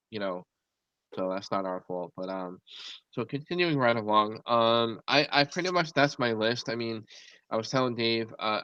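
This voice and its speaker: A man's voice: lowish voice, bright, forceful tone, clear, resonant tone, no room sound. A man hosting an online show over a video call, rambling with fillers while his volume jumps up and down on a choppy connection. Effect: uneven volume from a choppy call connection. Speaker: host. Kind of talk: casual online show chat. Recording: dull lo-fi call audio.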